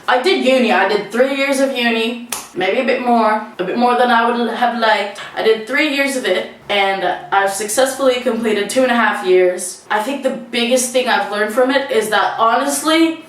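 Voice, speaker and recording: A woman's voice: on the high side, normal speed. A woman in her twenties talking in a candid, rambling, casual confessional way, recorded in an echoing bathroom. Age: 20s. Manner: rambling, candid, freely swearing. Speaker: vlogger. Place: small indoor bathroom. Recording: very echoey bathroom, distant mic.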